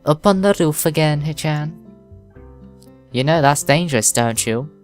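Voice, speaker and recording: A man voicing a giggly, teasing teenage schoolgirl, lifting his voice a little, slow and smooth. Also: fairly high pitch, animated, faint music behind, pitched above the performer's own voice.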